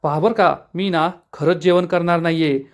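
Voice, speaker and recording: A man's voice: a little high, fairly even intonation, normal speed, lightly acted. A man voicing a thin, touchy young man who sulks and complains, in an episode recap. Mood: sulking. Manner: whiny, sulking complaints.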